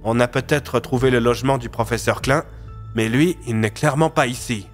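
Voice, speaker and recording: A man's voice: mid-range voice, steady tone, normal speed, faint music behind, natural voice. An outspoken police inspector with loose, colloquial speech, voiced by a male narrator. The voice stays near the narrator's own, in a storybook audio drama.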